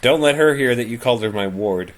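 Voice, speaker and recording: A man's voice: mid-range voice, expressive, a little fast. A man acting as game master of a tabletop game over a call, explaining lore with many fillers.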